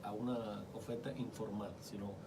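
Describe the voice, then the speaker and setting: A man's voice: on the low side, little pitch movement, normal speed, recorded from a distance, noisy background. A man co-hosting a radio talk show who asks probing, thoughtful questions. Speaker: radio co-host.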